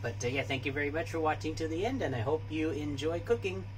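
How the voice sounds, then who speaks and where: A young man chatting casually through a cooking demonstration in a small home kitchen, relaxed and full of fillers. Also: a little high, quick pace, slight background noise. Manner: relaxed, hesitant, many fillers. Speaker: cooking vlogger.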